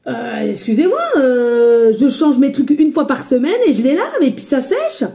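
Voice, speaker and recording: A woman psychic medium talking casually to her viewers, speaking loudly with a slight accent, full of hesitations and friendly asides. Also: sits high, very animated, normal speed, vocal fry. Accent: a slight accent she mentions. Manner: loud voice, by her own account. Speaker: psychic medium giving a reading. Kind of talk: casual spiritual guidance vlog.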